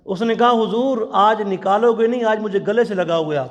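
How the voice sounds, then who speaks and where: A man preaching a sermon at a religious conference in a mosque, telling stories with passion and chanting quotations slowly. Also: high-pitched, lo-fi sound. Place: large mosque. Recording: long hall reverb.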